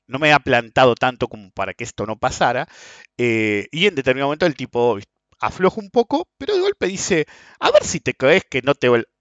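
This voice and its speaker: A man's voice: mid-range voice, no room sound, highs cut off. A man in his forties with an Argentine accent, casually telling a personal anecdote, acting out the dialogue and swearing freely. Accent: Rioplatense Argentine Spanish. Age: 40s. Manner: animated, acts out quoted dialogue, swears freely. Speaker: storyteller.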